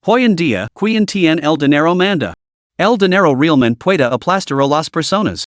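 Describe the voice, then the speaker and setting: A man's voice: on the high side, big pitch swings, moderate pace, no echo, clean studio sound. A man voicing a confident young man in a storybook recap, speaking in a cool, self-assured way. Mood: smug.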